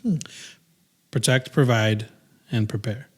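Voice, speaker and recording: A man in his thirties talks in a loose, casual podcast chat, with a voice of ordinary middle pitch. He rambles and restarts his sentences often, filling the gaps with "um" and "like". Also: slow, slightly rough. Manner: rambling, many restarts and fillers. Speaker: podcast co-host.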